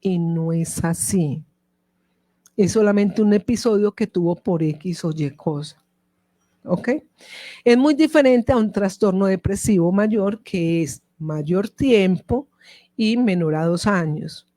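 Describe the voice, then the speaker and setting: Warm Colombian woman explaining mental health. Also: mid-range voice, slow, dry recording. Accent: Colombian Spanish. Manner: explanatory, checks in with the audience. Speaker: psychologist giving a talk. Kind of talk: informal educational talk.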